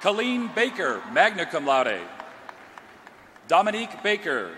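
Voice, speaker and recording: A man reading out graduates' names one by one at a commencement ceremony, slow and drawn out, through a podium microphone. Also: sits high, very animated, sharp tone. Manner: slow, drawn-out announcing of each name. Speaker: commencement name reader. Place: large graduation ceremony hall. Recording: long hall reverb, crowd noise.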